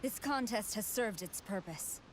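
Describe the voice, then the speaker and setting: Woman as imperious army general, swooping pitch. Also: lively intonation, a little slow, a little hiss or hum, close to an everyday voice. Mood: stern, martial. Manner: imperious, declamatory. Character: stern, commanding female general of an army. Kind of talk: video game voice acting.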